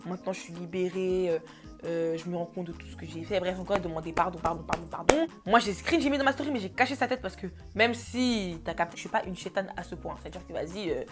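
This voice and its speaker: Young woman, rapid chatty storytime, slangy, fillers, soft music underneath. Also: fairly low pitch. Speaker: vlogger. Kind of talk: casual storytime.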